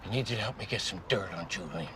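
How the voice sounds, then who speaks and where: A man's voice: deep voice, fast, sharp tone, a little hiss or hum. An actor playing a drunk middle-aged man who pleads in a slurred, rambling way. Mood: pleading. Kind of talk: mockumentary sitcom acting.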